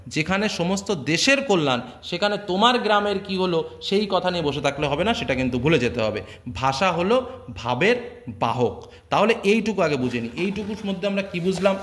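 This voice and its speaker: A man with a high, light voice teaching a literature lesson. He reads quoted passages slowly and carefully, then breaks them down in plain everyday speech. He often checks that his students are following along. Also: a bit bright. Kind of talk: explaining a text to students.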